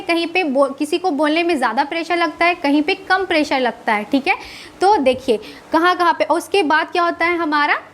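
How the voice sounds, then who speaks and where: Female teacher, high voice, lecture style, asks and answers her own questions, stretches sounds to demonstrate. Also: a bit bright. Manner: asks the class questions and answers them herself, adds "है ना"; stretches sounds slowly to show how they are said. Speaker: Hindi grammar teacher. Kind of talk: classroom lecture.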